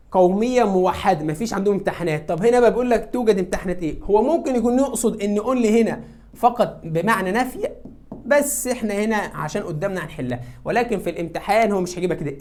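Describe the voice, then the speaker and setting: A man with an Egyptian Arabic accent teaching English to high school students, who asks questions and answers them himself. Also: darkish tone. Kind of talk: classroom lesson explaining exam answers.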